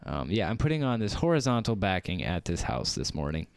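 A young man chats on a podcast, winding through a story with plenty of ums and restarts. His voice sits low but swings up and down a lot. The sound is dry and close. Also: big pitch swings, a little fast, gravelly, clean tone, no echo. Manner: rambling storyteller with many fillers and restarts; laughs often. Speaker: podcast co-host. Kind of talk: casual podcast chat.

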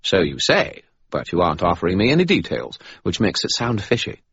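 A man's voice: low voice, sing-song, fairly quick, fairly bright tone, slightly rough, no room sound, muffled recording, voice pushed up, exaggerated voice. A man voicing a sarcastic, patronizing male spirit who lives in a skull.

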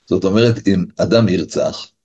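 A man's voice: deep voice, mellow, breathy edge. A man, a rabbi, giving a Torah lesson over a video call, arguing by asking and answering his own questions. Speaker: rabbi teaching a class. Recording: dull lo-fi video call audio.

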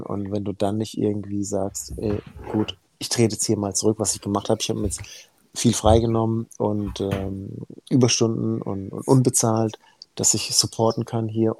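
A man's voice: on the low side, vocal fry, mellow, poor audio. A man in his thirties, a heart surgeon, talking frankly and earnestly in a podcast conversation.

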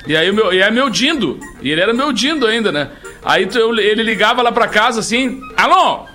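A man's voice: high-pitched, fairly quick, faint music behind. A man, a guest telling funny family stories with laughter. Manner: animated, laughing storyteller. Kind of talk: storytelling.

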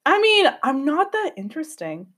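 A woman's voice: high-pitched, wildly swooping pitch, moderate pace, fairly bright tone. A young woman hosting a podcast, chatting casually with a friend, giggly and swearing freely. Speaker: podcast host. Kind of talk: casual chat.

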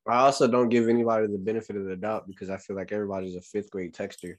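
A man's voice: on the low side, flat delivery, racing. A man chatting casually as a podcast co-host, blunt and emphatic, repeating phrases for effect. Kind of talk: casual chat.

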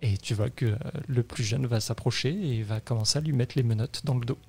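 A man's voice: mid-range voice, fairly quick, a little mellow, soft background music. A man narrating a tabletop role-playing game as game master, with many hesitations. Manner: hesitant, full of fillers.

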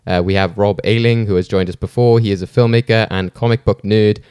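A man's voice: on the low side, fairly even intonation, fairly quick, a little mellow, clean tone, no echo, studio quality. A man hosting a podcast in an informal, rambling, chatty way. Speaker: podcast host. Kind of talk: casual hosting chat.

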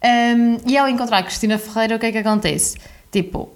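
A woman's voice: fairly high pitch, brisk. A young woman with a European Portuguese accent, a podcast co-host chatting casually and acting out the voices of the people in her stories. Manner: animated storyteller who acts out quoted voices. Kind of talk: casual chat.

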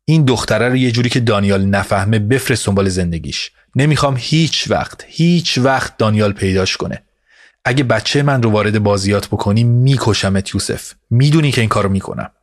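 A man's voice: lowish voice, dry recording, studio quality, close to an everyday voice. A man doing a furious, bitter mother. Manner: angry, accusing, cutting. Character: furious bitter middle-aged woman, wronged mother. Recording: music bed behind voice.

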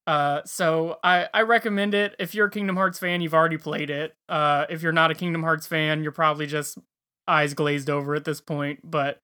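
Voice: mid-range voice, fairly even intonation, normal speed, pushed and bright, smooth. A podcast co-host chatting casually and fondly about games, with a dash of sarcasm. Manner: enthusiastic, fond, a bit sarcastic. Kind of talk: casual gaming podcast chat.

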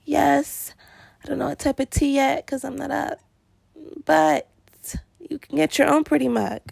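A woman's voice: high voice, little pitch movement, a little slow, gravelly, darkish tone, no echo. A woman hosting a casual solo podcast, chatty and rambling, laughing often and stretching out her greetings. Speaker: podcast host.

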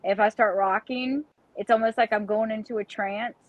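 A woman's voice: on the high side, fairly even intonation, moderate pace, no room sound. Woman, blunt chatty storyteller, dry dull audio. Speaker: paranormal investigator and medium. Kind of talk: casual storytelling.

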